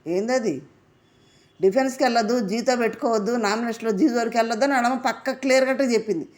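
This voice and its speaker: A woman's voice: on the high side, fast talker, a little mellow. Indignant woman reviewing a reality show. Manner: indignant, fires off rhetorical questions. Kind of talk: casual episode analysis vlog.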